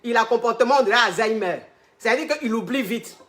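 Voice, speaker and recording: A woman coach tells a story in a lively, repetitive way. She leans on her words and acts out the quotes as she goes. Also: on the high side, fairly quick. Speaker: relationship coach. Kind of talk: storytelling monologue.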